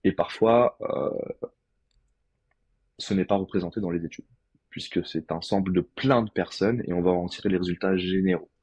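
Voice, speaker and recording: Deep husky-voiced man explaining. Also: normal speed, a little mellow, no room sound, muffled recording. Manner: explains step by step, thinking aloud. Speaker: physiotherapist guest. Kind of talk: casual podcast explanation.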